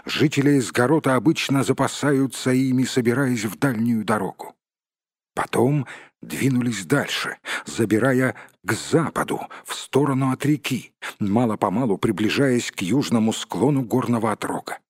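Husky-voiced male narrator, dry and close, steady storybook reading. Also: medium pitch, moderate pace, no room sound. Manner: steady storytelling, addresses listener. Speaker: audiobook narrator. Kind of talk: scripted narration.

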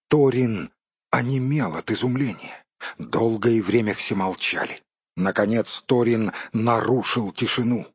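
Slow husky male storyteller. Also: mid-range voice, no room sound. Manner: measured storytelling. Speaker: narrator. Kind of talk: audiobook narration. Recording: dull dry recording.

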